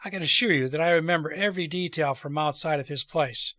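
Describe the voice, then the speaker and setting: A man reading an earnest revolutionary plotter, bright-voiced. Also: on the high side, fast, no room sound, studio quality. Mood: earnest, explaining. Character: earnest male revolutionary plotter persuading wary allies. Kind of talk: storybook character read aloud.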